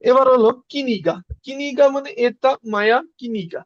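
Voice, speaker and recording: A man teaching a casual beginner lesson, repeating words slowly for learners. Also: very high voice, no echo, highs cut off. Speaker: Russian language teacher.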